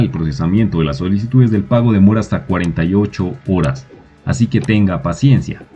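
Deep dark-voiced man walking through an app. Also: lo-fi sound. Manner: walks through an app on screen, reading its texts aloud. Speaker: video host. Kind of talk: screen-recorded app tutorial.

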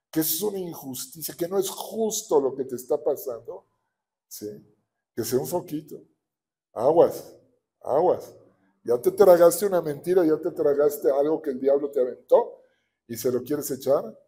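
A man with a Mexican accent preaching a sermon as a pastor, animated and often asking the congregation for agreement. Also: a little high. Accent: Mexican Spanish.

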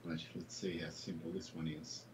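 A man's voice: a bass voice, flat delivery, moderate pace. A man playing a golf video game with a friend, muttering and talking himself through each shot. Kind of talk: casual gaming chat. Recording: noisy background.

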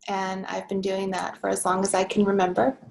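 A woman co-host who leads prayer, introducing herself gently and sincerely on a video call from home. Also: medium pitch, completely flat delivery, brisk, gravelly, rough recording. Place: her home.

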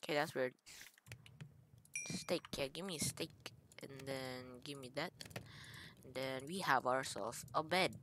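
A woman's voice: a bass voice, unhurried, pauses often, background noise. A woman hosting a gaming channel, rambling through casual gameplay commentary with self-mocking jokes and stammered restarts. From Philippines.

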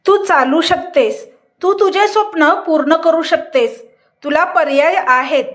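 A woman's voice: high-pitched, unhurried. A woman voicing a bitter wounded soldier.

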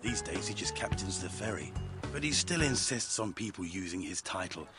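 A man's voice: low-pitched, animated, moderate pace, over loud music. An actor playing a chatty old fisherman in a video game, gossiping about a local character. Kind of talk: game voice acting.

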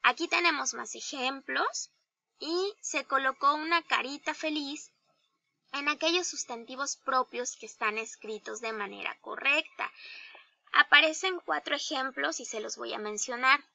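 A woman teacher with a Mexican Spanish accent, giving a slow, deliberate grammar lesson to young children and asking them questions. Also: high-pitched, vocal fry, bright, forceful tone, no echo. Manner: slow, deliberate, spells out each example; addresses pupils directly with questions. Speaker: primary school teacher.

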